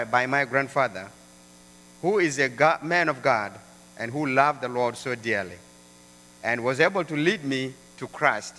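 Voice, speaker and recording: A man's voice: medium pitch, sharp tone. A man in his thirties from South Sudan giving an earnest church testimony as a guest speaker. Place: church sanctuary. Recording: long hall reverb, faint mains hum.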